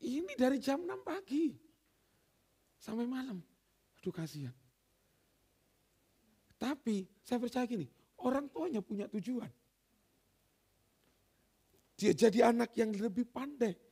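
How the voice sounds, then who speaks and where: A man preaching a sermon, telling stories and acting out quoted dialogue, swinging between loud and soft. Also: extremely high pitch, big pitch swings, a little slow, gravelly, long pauses, husky.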